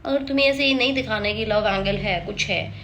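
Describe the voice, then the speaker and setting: A woman with a mid-range voice reviews a drama at a fairly quick pace, casual and animated. She often slips into English and teases the characters as though speaking directly to them.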